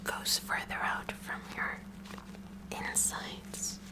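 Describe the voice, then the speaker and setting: In a whispered ASMR roleplay, a female ASMR performer plays a kooky, curious high school science club girl. She muses haltingly in a breathy whisper, full of clinical fascination and a hushed sense of wonder.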